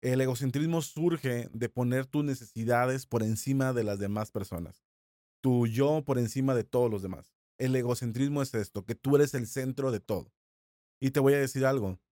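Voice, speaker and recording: A middle-aged man with a Mexican Spanish accent teaching a recorded Bible lesson in a small studio, talking conversationally and slowing down to repeat phrases for emphasis. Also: medium pitch, mellow, no room sound.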